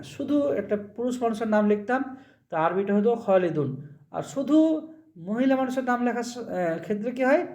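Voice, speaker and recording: A man with a notably high voice gives a recorded Arabic lesson. He speaks Bengali as his first language. He explains patiently and says each example sentence slowly, more than once. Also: a little mellow. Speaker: Arabic teacher.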